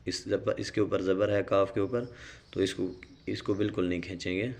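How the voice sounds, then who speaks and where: A man teaching a Quran reading lesson, explaining the rules quickly and then sounding out syllables slowly and drawn out. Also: deep voice, little pitch movement, creaky, a little mellow. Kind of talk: Noorani Qaida reading lesson.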